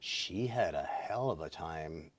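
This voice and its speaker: A man hosting a casual interview, chatty and often cutting in with quick questions and backchannels. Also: very deep voice, animated, breathy edge, no room sound. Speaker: host.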